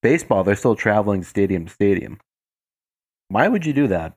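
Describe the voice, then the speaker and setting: A man's voice: fairly low pitch, sing-song, moderate pace, a little mellow. A man co-hosting a podcast, talking in laid-back, slangy casual chat that is full of "dude.". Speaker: podcast co-host.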